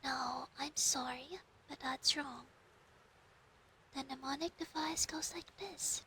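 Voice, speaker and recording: Woman playing a high soft-spoken possessive fox spirit. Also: slow, slight background noise, exaggerated voice, poor audio. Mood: insistent, lecturing. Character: possessive female fox spirit familiar, clingy and proud. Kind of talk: ASMR role-play. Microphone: close binaural microphone.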